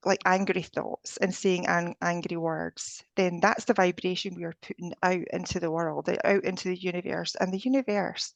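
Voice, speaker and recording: Scottish woman guest, low gravelly voice, dry close sound, chatty with fillers. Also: dry recording. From Scotland. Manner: chatty, with frequent fillers and restarts. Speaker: guest, ascension coach. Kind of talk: casual interview chat.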